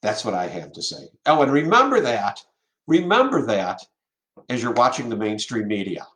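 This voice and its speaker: A middle-aged man hosting a solo live video talk on leadership, speaking slowly and repeating a catchphrase with weight. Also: mid-range voice, big pitch swings, a bit bright. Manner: slow, repetitive, dwelling on a catchphrase. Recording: echoey room.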